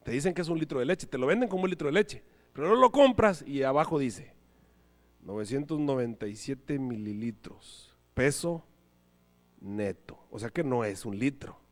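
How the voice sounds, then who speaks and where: A man preaching a sermon, animated, acting out little scenes and voices as he goes. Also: a little high, fast talker, hardly any pauses. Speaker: pastor. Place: church hall. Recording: live church hall reverb.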